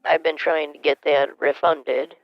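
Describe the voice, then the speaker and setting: Man doing a confused, hard-of-hearing granny; gravelly and halting, over a dull, muffled line. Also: fairly high pitch, flat delivery, no echo. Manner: hesitant, stammering, keeps asking to repeat. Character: frail elderly woman, hard of hearing, confused. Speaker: caller posing as a victim. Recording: muffled phone call.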